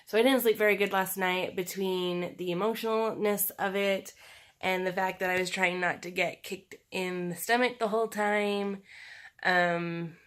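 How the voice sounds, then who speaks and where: A woman with a scratchy, sore-throat voice talking in a halting, candid, conversational way, as in a casual personal video diary. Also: mid-range voice, steady tone, fairly bright tone, clean tone. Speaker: personal vlogger.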